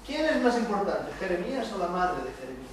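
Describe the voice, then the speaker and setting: A man's voice: high voice, sing-song, fast talker. A middle-aged man with a Spain Spanish accent, teaching a Bible study to young people, speaking emphatically and putting rhetorical questions to the room. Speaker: church youth teacher. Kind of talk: Bible study lecture to youth. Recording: echoey room, distant mic, faint noise.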